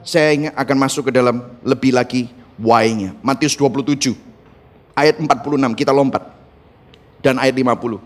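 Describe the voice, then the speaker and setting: A male pastor delivering a sermon with emphatic, impassioned preaching, addressing the congregation directly and dropping English words into his speech. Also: mid-range voice.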